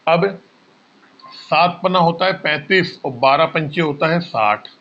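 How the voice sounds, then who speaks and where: Male tutor, fairly high voice, walks students through sums, asks and answers himself, dull lo-fi audio. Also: unhurried, a bit bright. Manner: explains step by step, asks and answers his own questions; addresses students as bhaiya. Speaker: maths teacher. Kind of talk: exam-prep maths lesson.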